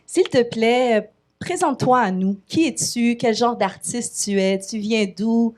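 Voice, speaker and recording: At a festival event, a female host with a fairly high voice introduces an artist and interviews them, asking warm, enthusiastic questions at an unhurried pace.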